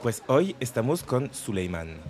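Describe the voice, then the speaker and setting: A man's voice: medium pitch, big pitch swings, a little slow, a little mellow, soft background music. A man hosting a casual interview, asking questions with frequent stumbling restarts. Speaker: host.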